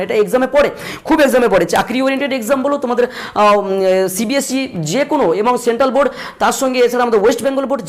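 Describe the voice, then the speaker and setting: Fast-talking man teaching grammar. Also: very high-pitched. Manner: repetitive, drills points, slows to spell out examples. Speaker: English teacher. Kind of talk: classroom grammar lesson.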